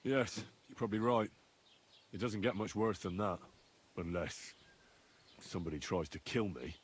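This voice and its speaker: An actor playing a wry young male soldier in a game, asking lively questions. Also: on the low side, normal speed, a little hiss or hum, lightly acted. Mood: curious.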